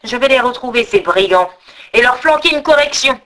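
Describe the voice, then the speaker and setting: A woman's voice: a little high, lively intonation, moderate pace, fairly bright tone, poor audio. A woman voicing a strong, brave young man in a storybook tale, speaking firmly and with determination. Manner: firm, determined speech.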